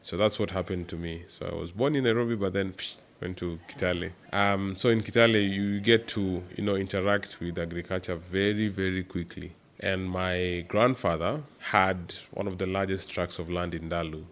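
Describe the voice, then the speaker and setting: Deep-voiced man telling farm stories. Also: normal speed, hardly any pauses, a little hiss or hum. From Kenya. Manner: animated storyteller who laughs while telling anecdotes. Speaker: podcast guest, startup executive. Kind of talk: relaxed storytelling interview.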